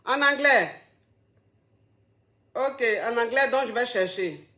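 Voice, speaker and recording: A woman's voice: a little high, slow pace, pushed and bright, echoey room. A woman hosting a casual live stream, chatting to her viewers and repeating her questions to them. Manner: chatty, keeps asking viewers the same question.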